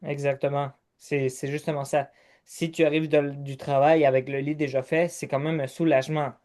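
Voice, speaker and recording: A man's voice: a little high, level tone, moderate pace, darkish tone. A man with a Québécois accent hosting a podcast, walking the listener step by step through points in casual chat. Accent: Québécois French. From Quebec. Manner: structured, listing steps, talks to listener directly. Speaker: podcast host.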